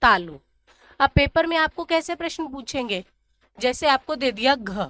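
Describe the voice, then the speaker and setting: High, bright-voiced woman teaching slowly. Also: no echo. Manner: drills syllables slowly, asks and answers her own questions. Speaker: Sanskrit teacher. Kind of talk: grammar lesson.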